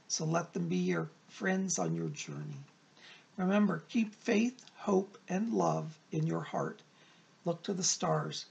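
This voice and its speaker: A male fortune teller delivers horoscopes to his audience with emphatic encouragement. His voice is heavily creaky and moves up and down in lively swoops. He is effusive and addresses listeners directly. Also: high-pitched. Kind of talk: fortune teller's weekly horoscope reading to viewers.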